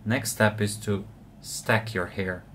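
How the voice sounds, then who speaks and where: Low-voiced man explaining fly tying. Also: slow, slight background noise. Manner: relaxed, explanatory, frequent uh fillers. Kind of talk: step-by-step tutorial narration.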